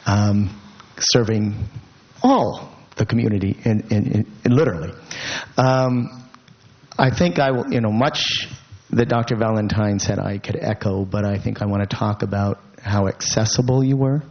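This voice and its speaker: Guy from the teachers union thanking a board member, low voice, slow and halting, muffled recording. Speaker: teachers association representative. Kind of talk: thank-you remarks at a public meeting. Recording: dull lo-fi meeting recording.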